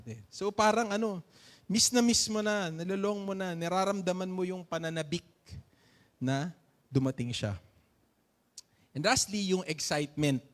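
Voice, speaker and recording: A Filipino man preaching a sermon in a conversational, playful way, often checking in with his listeners and joking with them. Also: high-pitched. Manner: conversational, often asking "okay?" and "di ba?"; playful with jokes and laughter. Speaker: pastor.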